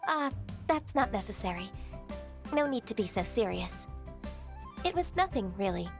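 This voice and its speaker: A woman voicing a gentle, dutiful young secretary in a game, soft-spoken and formal. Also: medium pitch, big pitch swings, moderate pace, creaky, music in the background.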